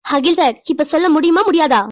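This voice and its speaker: A woman voicing a quick-tempered young wife in a cartoon, scolding and demanding answers. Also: high-pitched, no echo, lightly acted. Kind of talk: cartoon voice acting.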